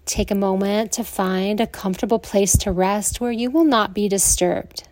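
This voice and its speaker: An American woman leads a guided relaxation in the manner of a sleep story narrator. Her mid-pitched voice is slow and soothing, with long pauses between phrases. The sound is dry, with hardly any echo. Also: a little mellow. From lives in southern Colorado, United States. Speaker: yoga nidra teacher.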